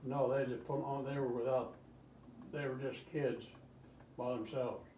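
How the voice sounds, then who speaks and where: An old man talks casually about his memories, halting and repeating himself. His pitch is average for a man. The recording is roomy and a bit distant, with faint noise behind him. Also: steady tone, warm tone. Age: 80s or older. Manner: old man's halting, rambling recollection with repeats. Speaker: interviewee, grandfather. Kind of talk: casual reminiscence.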